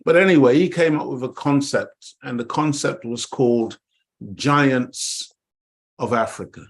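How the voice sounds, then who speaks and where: Over an online call, a middle-aged Jamaican man co-hosting a talk show speaks a little slowly, his medium-pitched voice carrying a breathy edge. He preaches in an impassioned monologue, emphatic and repetitive, speaking to his "dear family."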